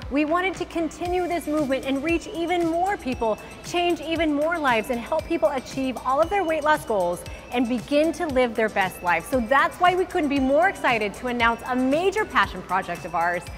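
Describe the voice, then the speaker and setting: A woman in her thirties, a fitness coach co-hosting a promo, speaking in a bubbly, enthusiastic, emphatic way on a lapel mic in a bright studio. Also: high-pitched, expressive, moderate pace, hardly any pauses, in a large hall, soft background music. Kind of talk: scripted promo pitch. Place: large bright indoor studio.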